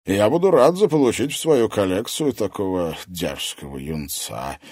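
A man's voice: fairly low pitch, lively intonation, moderate pace, a little mellow, slightly rough, no room sound, clean studio sound. A man voicing a cruel, scornful old male puppet lord in an audiobook. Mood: sneering. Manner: scornful, mocking.

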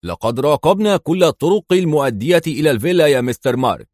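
A man voicing a henchman giving a brisk report to his boss. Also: a little high, animated, darkish tone, no echo, clean studio sound, pitched above the performer's own voice.

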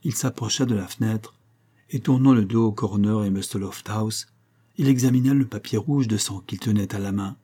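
A man narrating a classic novel as an audiobook, in a measured, dramatic reading. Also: lowish voice, dark tone, slightly rough.

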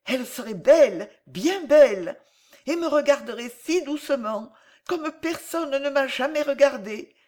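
A small, lonely orphan boy asks one pleading question after another in a high, singsong voice, as a woman puts him on. He is read slowly for an audiobook, with his voice rising and dipping a great deal. He sounds wondering and bereft. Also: lively intonation, darkish tone. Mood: dreamy longing. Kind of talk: audiobook reading.

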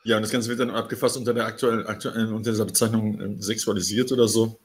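Ein Mann diskutiert im Podcast locker und meinungsstark und lacht oft. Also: male voice, fairly low pitch, flat delivery, slightly rough. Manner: quick, opinionated, laughs often. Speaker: podcast co-host. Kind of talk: casual chat.

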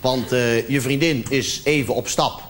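A man performing a stand-up comedy routine, acting out scenes and swinging between low muttering and loud outbursts, recorded live before an audience. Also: steady tone, measured pace, slight background noise.

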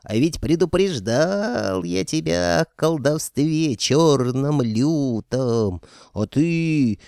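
A man voicing an ancient, cranky male ghost sorcerer who creaks and wails in drawn-out, boastful outbursts. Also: on the high side, darkish tone, dry recording, clean studio sound, pitched above the performer's own voice, exaggerated voice. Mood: wailing.

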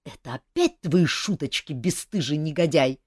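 A woman voicing an irritable, grumpy adult king who scolds gruffly. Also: low-pitched, animated, normal speed, darkish tone, no echo, studio quality. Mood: grumbling.

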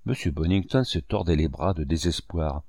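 A man narrating a classic novel in a steady, dramatic reading. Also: very deep voice, moderate pace, no room sound, studio quality. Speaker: audiobook narrator. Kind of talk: scripted narration.

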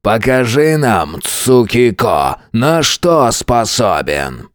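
A man voicing a hoarse, rough-voiced masked male fighter who speaks slowly and growls orders. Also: mid-range voice, sing-song, no echo, clean studio sound. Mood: menacing. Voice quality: hoarse, gruff. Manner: slow, demanding, growled.

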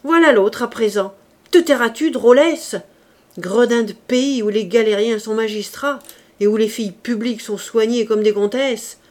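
A woman's voice: fairly high pitch, animated, moderate pace, hardly any pauses. A woman reading an audiobook, voicing a harsh, contemptuous male police inspector who barks and scorns. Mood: scornful, shouting. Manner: barking, scornful, shouting.

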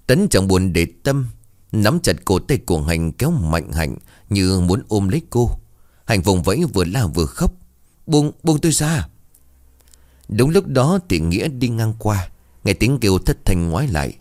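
A man reading a story aloud in an expressive, dramatic way. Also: low-pitched, no room sound, studio quality. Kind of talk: scripted story narration.

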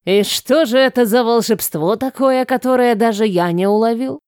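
A woman's voice: a little high, normal speed, darkish tone, smooth, no echo, studio quality, natural voice. A woman voicing a haughty undead lich. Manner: indignant, haughty. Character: proud undead male lich sorcerer.

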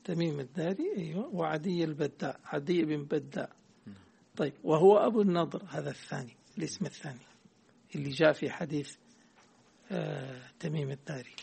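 A man's voice: a little high, animated, a little fast, gravelly, a little mellow, husky. A man teaching a hadith text in class, quizzing his student and correcting the readings.

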